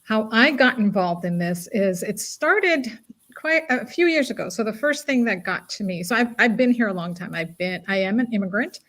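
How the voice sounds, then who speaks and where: A woman's voice: mid-range voice, lively intonation, normal speed, fairly bright tone. A middle-aged woman from Guyana, a guest advocate speaking earnestly and reflectively in conversation. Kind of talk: casual conversation.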